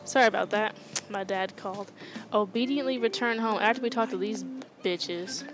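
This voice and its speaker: A woman's voice: medium pitch, moderate pace, music in the background, low-quality recording. A woman gaming streamer casually reading game text aloud and commenting, offhand and swearing now and then.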